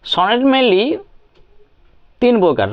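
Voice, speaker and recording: A woman teacher explaining poetry to students, speaking slowly, repeating her points and mixing in English terms, on a slightly dull recording. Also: a little high, sing-song. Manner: slow, repeats points, counts syllables aloud; mixes English terms into Bengali speech.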